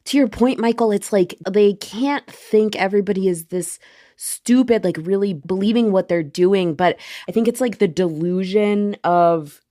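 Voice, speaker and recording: A woman's voice: mid-range voice, moderate pace, dark tone. A woman co-hosting a podcast, talking casually and with exasperation, laughing along with the others. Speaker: podcast co-host. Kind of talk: casual legal discussion.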